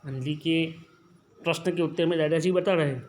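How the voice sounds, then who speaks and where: Slow, patient male teacher from Gujarat. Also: fairly high pitch, steady tone, darkish tone. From Gujarat, India. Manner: slow, explains and repeats each line. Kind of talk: textbook lesson explanation.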